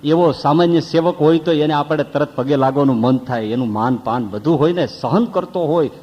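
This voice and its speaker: A man's voice: a little high, a little fast, darkish tone. Man, monk's sermon, storytelling, long reverb, dull lo-fi. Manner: storytelling with acted voices, rhetorical questions.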